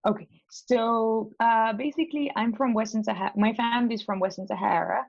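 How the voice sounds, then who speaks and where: A woman's voice: a little high, steady tone, fairly quick, creaky, dry recording. Young woman from Spain on a dull video call. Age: young adult. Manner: hesitant, many fillers and restarts. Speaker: law school applicant. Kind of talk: coaching call, casual.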